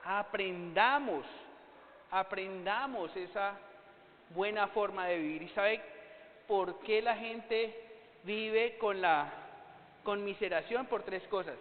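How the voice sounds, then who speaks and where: A high-pitched man preaches to his congregation. His voice rings with a long reverb, and the sound is thin and phone-like. He keeps asking rhetorical questions and answering them himself. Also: slow pace, a little hiss or hum. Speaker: pastor. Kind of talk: sermon.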